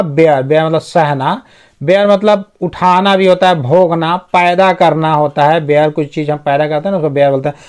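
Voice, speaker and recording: High-pitched guy doing an english lesson in hindi, reads english lines real slow then breaks down every word. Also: darkish tone. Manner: repeats synonyms in lists, asks rhetorical questions. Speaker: English teacher.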